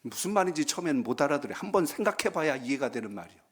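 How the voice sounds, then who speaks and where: A man's voice: a little high, big pitch swings, racing, husky. A man, a pastor, preaching a Friday prayer-meeting sermon in a church, calling for amens and telling folksy jokes. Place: church sanctuary.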